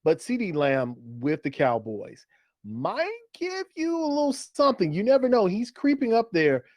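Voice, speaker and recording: Hosting a fantasy football podcast, a man keeps the sports talk casual and conversational, leaning on repeated phrases to make his points while guiding segments and questions. His voice sits high and is a little mellow. There's no room sound at all.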